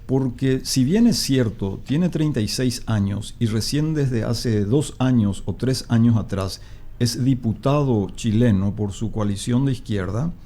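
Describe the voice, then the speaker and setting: Guy on a radio interview, mellow tone, emphatic, lots of eh and este. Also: medium pitch, measured pace. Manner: emphatic and explanatory, with frequent hesitations. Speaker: political commentator guest.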